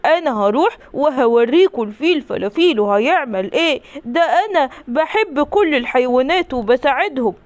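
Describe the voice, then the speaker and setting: A woman plays an excited cartoon elephant who wants every gift for himself. The voice is high and pleading, with an Egyptian accent. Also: fairly quick, hardly any pauses, slight background noise. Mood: eager. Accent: Egyptian Arabic. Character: greedy, excitable young elephant.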